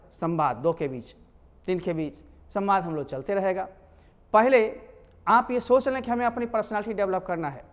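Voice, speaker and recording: A man teaching a spoken English lesson online, energetic and emphatic as he drills pronunciation out loud. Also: high-pitched, clean tone, big-room sound.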